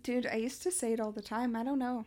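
A woman's voice: a little high, fairly even intonation, fast, mellow. A young woman co-hosting a podcast, bubbly and casual, full of "like" and the odd swear. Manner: bubbly, swearing, filler-heavy. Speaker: podcast co-host. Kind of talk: casual chat.

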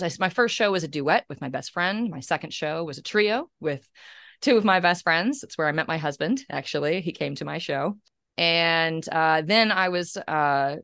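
A woman in her forties with a raspy smoker's voice, chatting informally and self-deprecatingly as an interview guest. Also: low voice, fairly bright tone, dry recording, clean studio sound. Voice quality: raspy, like a long-time smoker's rasp. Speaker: cabaret performer, interview guest. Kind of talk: casual conversational interview.

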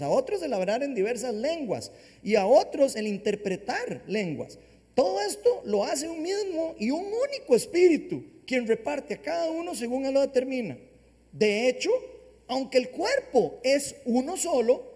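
Guy preaching in a big echoey church hall, high voice that jumps all over, loud then soft. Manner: impassioned, swings between loud lifted phrases and soft low prayer. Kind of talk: sermon with prayer and scripture reading. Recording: long hall reverb.

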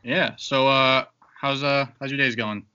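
A man's voice: medium pitch, steady tone, measured pace, bright, forceful tone, smooth, muffled recording. A man hosting a casual podcast chat, joking and loose, with plenty of fillers. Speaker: podcast host.

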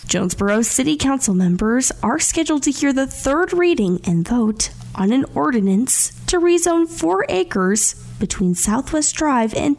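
High-voiced woman reading local radio news. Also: vocal fry, darkish tone. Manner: measured, formal newsreader delivery.

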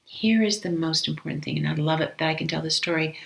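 A woman guest in an interview, telling a personal story in an earnest, measured way that often sinks to a near-whisper. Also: sits low, vocal fry, poor audio. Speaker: interview guest, former agency director.

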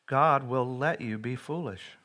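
A man in his forties preaching a sermon, earnest, rising loud on key lines and dropping quiet after. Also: medium pitch, unhurried. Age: 40s.

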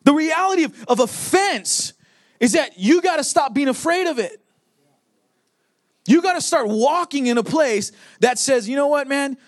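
A man's voice: very high-pitched, lively intonation, a little slow, no echo, clean studio sound. A young adult man preaching a sermon as pastor, emphatic and conversational, with repeated phrases.

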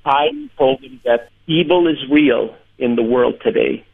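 A man who is a pastor, telling his story in an earnest, measured way during a radio interview by phone. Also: medium pitch, gravelly. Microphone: telephone. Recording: tinny phone line.

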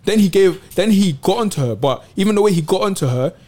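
A man in casual faith discussion on a podcast, animated and slangy, retelling Bible stories in street talk. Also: high voice, fast. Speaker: podcast co-host.

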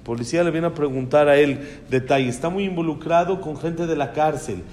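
A man's voice: on the high side, fairly quick, noisy background. A man giving an informal Torah class, speaking in an admiring way that repeats phrases and often restarts.

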